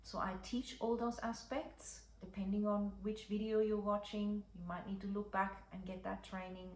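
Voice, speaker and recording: A woman's voice: mid-range voice, little pitch movement, moderate pace. Reassuring woman teaching breathwork, echoey room. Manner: reassuring, encouraging, unforced. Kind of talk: instructional talk introducing breathing practice. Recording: echoey room, faint background noise.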